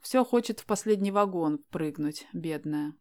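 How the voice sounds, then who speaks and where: A woman voicing a sharp-tongued young woman in an audiobook, blunt and mocking in casual slang. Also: on the low side, expressive, unhurried.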